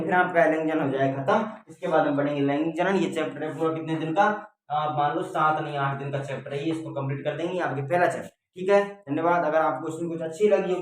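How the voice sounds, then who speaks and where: Echoey man teaching biology in class. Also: on the high side. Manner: repetitive, checks with "theek hai?"; addresses students as "beta". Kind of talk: classroom-style lecture. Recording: very echoey room, mic far off.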